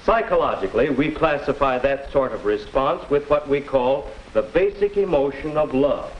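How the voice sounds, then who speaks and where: An actor playing a patient, middle-aged male teacher, explaining calmly in a 1950s educational film. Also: mid-range voice, natural voice. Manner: calm, measured explaining. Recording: muffled old film soundtrack with hiss.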